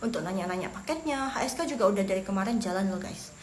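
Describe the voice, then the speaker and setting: A woman's voice: medium pitch, expressive, fast talker, slight background noise. Woman, from Medan, Mandarin teacher, casual live lesson, chatty, laughs often, echoey room. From Medan, Indonesia. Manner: chatty, laughs often, talks to viewers as guys.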